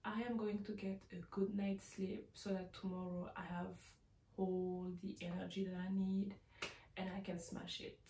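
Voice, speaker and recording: A woman's voice: medium pitch, flat delivery, normal speed, mellow, roomy sound, slight background noise. A woman who designs clothes, talking to camera in a casual vlog, earnest and heartfelt, repeating words for emphasis. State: tired. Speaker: fashion designer vlogger.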